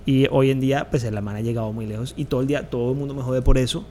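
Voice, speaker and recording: A man's voice: mid-range voice, fairly even intonation, rapid-fire, darkish tone, slight background noise. A man, co-hosting a casual chat with teasing, slangy banter.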